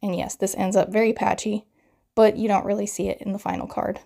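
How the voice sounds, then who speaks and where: Woman, 30s, crackly morning voice, warm low tone, chatty craft tutorial voiceover. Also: flat delivery, fairly quick, creaky. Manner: chatty, self-deprecating, explains each step. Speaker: card-making crafter.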